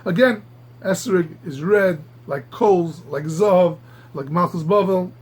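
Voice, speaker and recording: A man teaching a Talmud class, halting and repeating words, marveling aloud at the texts. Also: sits high, slightly rough. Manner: halting, repeats words while reaching for the next; animated, marvels aloud at the text. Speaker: Torah teacher.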